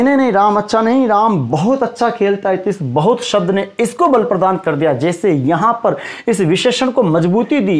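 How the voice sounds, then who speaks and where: A man teaching a Hindi grammar lesson, quizzing his students and slowly repeating the key terms for emphasis. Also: high voice.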